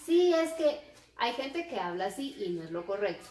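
A woman teacher giving a lesson, speaking slowly and checking in with rhetorical questions. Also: mid-range voice, big pitch swings, darkish tone. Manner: slow, repeats examples and asks rhetorical checks. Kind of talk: recorded classroom lesson. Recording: echoey room.

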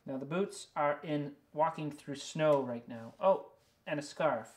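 In a small studio lined with books and records, a picture book author and illustrator gives a relaxed show-and-tell, drawing as he talks. His voice is fairly high and his pace measured, and he muses quietly to himself while he works.

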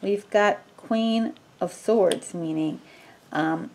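A woman's voice: medium pitch, very slow, a little mellow. A woman giving a casual tarot reading, talking in a rambling way with many fillers and restarts. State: sneezing from allergies. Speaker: tarot reader.

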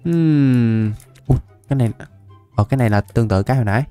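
A young man, chatting casually as he plays a game, laughing often and repeating words in quick bursts. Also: medium pitch, dark tone, clean tone, soft background music. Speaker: gaming YouTuber. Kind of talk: casual Minecraft let's-play commentary.

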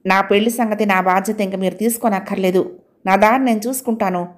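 A woman's voice: mid-range voice, fairly even intonation, a little fast, natural voice. A woman voicing a defiant, proud young woman in a spoken audio novel, mocking and stubborn.

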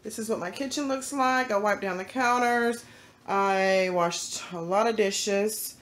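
A woman's voice: mid-range voice, a little slow, a bit bright. A woman, chatting casually to her viewers while she cleans her small home kitchen and living room. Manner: chatty, talks straight to the viewers. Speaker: cleaning vlogger. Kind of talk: casual vlog chat.

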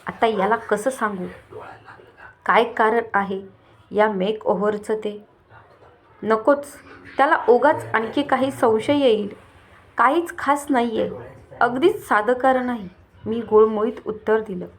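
A woman storyteller narrating a family story in the first person, with a steady, expressive reading. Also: a little high, a little slow, long pauses.

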